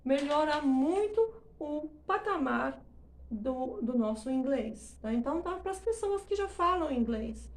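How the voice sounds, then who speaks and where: A woman's voice: high-pitched, expressive, echoey room. A woman teaching English pronunciation in Portuguese, stressing words emphatically and checking in with frequent short questions. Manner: emphatic, drawn-out demonstrations of words. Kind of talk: explanatory lesson.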